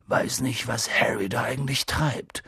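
A man voicing a big, gruff male gamekeeper who mutters low and worried. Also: unhurried, pushed and bright, no room sound, clean studio sound, exaggerated voice. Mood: puzzled.

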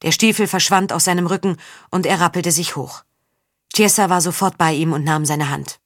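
Woman narrating a dark audiobook, dry sound. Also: on the low side, normal speed, no echo. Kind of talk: scripted narration.

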